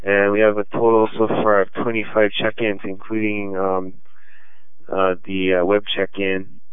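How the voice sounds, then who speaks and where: A man with a lowish, very clear voice runs a ham radio net at an unhurried, measured pace, filling pauses with soft ums. He comes through a two-way radio on a thin, phone-like channel with a dry, close sound. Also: completely flat delivery, no echo. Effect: heard over a two-way radio. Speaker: net control of an amateur radio net. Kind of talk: ham radio net, calling for check-ins. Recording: tinny radio transmission, dry.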